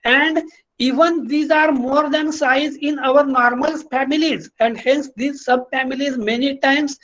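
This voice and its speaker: A man's voice: extremely high pitch, fairly even intonation, extremely slow, fairly bright tone, dull audio. A man with an Indian accent giving an online botany lecture, repeating key points and checking that students are following.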